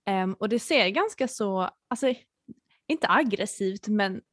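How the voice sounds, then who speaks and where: Woman interview host with a mid-pitched voice and a dry, close recording; measured and reflective. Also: expressive, fairly bright tone, no room sound. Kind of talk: casual interview chat.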